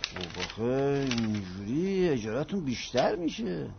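An actor playing a short-tempered middle-aged real-estate agent in a radio drama, brusque and quick to snap. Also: male voice, medium pitch, very animated, gravelly, noisy background. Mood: wheedling. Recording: dull lo-fi radio recording.

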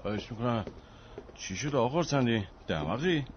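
A man's voice: mid-range voice, lively intonation, slight background noise, lightly acted. An actor playing a worried middle-aged man short of money in a radio drama, subdued and resigned. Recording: dull lo-fi radio recording.

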